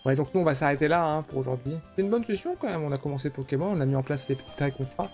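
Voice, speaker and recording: A young French man streaming a video game and chatting casually, relaxed, with fillers and the odd swear word. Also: a little high, racing, soft background music. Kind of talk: casual chat.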